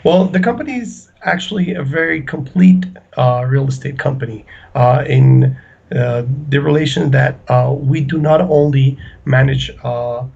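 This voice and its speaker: Hesitant man, husky fry, muffled lo-fi line. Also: mid-range voice, normal speed, darkish tone. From Ecuador. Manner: hesitant, many fillers and restarts. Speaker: real estate agent. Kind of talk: interview answers.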